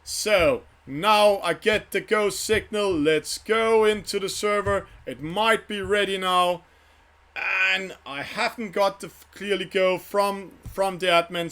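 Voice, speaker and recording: High-voiced man calling a sailing race. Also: fairly bright tone. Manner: halting, self-correcting phrasing. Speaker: esports sailing race commentator and host. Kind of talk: live race commentary. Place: studio.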